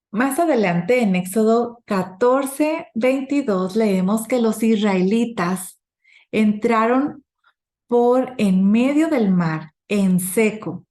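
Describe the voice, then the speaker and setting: A woman teaching a Bible study class at an unhurried pace, her voice sitting at an ordinary middle pitch. She explains each point step by step, pausing and restarting as she thinks aloud. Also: darkish tone. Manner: slow, explanatory, with fillers and restarts.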